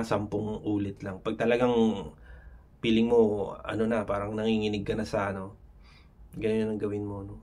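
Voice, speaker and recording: A man vlogging casual advice, rambling, with frequent fillers and tag questions. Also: lowish voice. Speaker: vlogger sharing anxiety tips. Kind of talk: casual talk to camera.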